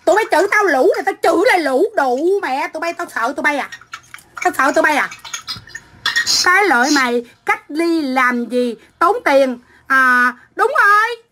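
A middle-aged woman from Vietnam, ranting into her phone on a livestream. Her voice sits high and cuts bright and sharp as she hurls foul-mouthed, combative insults. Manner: profane, combative, shouting insults. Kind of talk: angry livestream rant.

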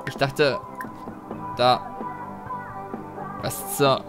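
A man giving casual commentary while playing a video game, talking to his characters in an animated way, with game music behind him. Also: medium pitch, drawn-out words. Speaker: let's play host.

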